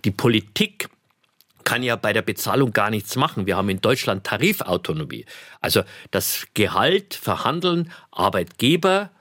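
A man's voice: on the low side, very animated, moderate pace, a bit bright, no echo, clean studio sound. A man as an interview guest on the radio, speaking emphatically and indignantly with many hesitations and restarts. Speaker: interview guest, care critic.

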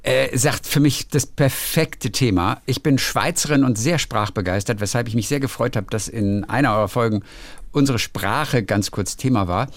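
A man's voice: mid-range voice, normal speed, no echo. A German man, a radio host, reading a listener's letter aloud and chatting casually on the phone. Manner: lively, reads aloud with playful emphasis.

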